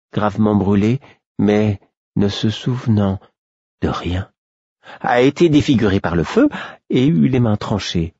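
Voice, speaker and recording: A man's voice: mid-range voice, breathy edge, no room sound, dull audio, voice pushed up, heavily acted. A man doing a sorrowful, prophetic jester. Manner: flat, listing tone, rising to pleading. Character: sorrowful male court jester, prophetic and eerie. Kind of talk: audiobook reading.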